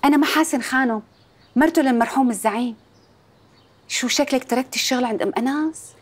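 A woman's voice: high-pitched, fast talker. An actress playing a kind widowed older lady who coaxes the servant home, speaking with a Damascene Arabic accent. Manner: gentle, coaxing.

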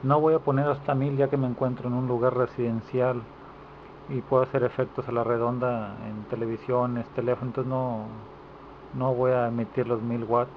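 This informal indoor repair demonstration is captured through a handheld camera microphone, giving dull lo-fi audio with clear background noise. The man speaks at medium pitch and normal speed with a flat delivery.

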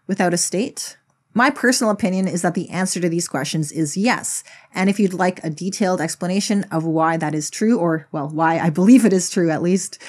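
Woman video essayist, lowish voice, blunt sweary delivery with sarcastic asides. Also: a little mellow. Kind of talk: casual spoken video essay.

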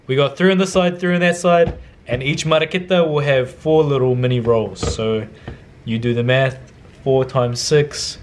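A man's voice: mid-range voice, measured pace, a little hiss or hum. A young man casually talking through a bread recipe in his home kitchen, laid-back and slangy, picked up by the camera mic. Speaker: cooking vlogger. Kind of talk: casual cooking demonstration.

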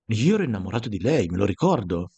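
A man's voice: on the low side, sing-song, fast talker, creaky, warm tone, slightly rough. A man giving casual, joking commentary while playing a video game, reading its dialogue aloud. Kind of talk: casual let's-play commentary.

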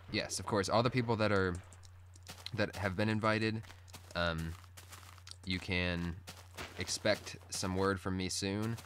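Male gamer, deep morning voice, laid-back rambling Let's Play chat, slightly noisy audio. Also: a bit bright. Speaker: gaming video host. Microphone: recorded through screen-capture software. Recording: poor audio with background noise.

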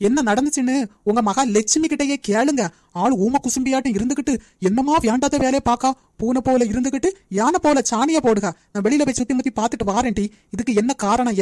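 A woman voicing a cheeky teenage younger brother in a cartoon, mocking and needling fast. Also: high-pitched, a little mellow, no room sound, clean studio sound, natural voice. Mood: defiant.

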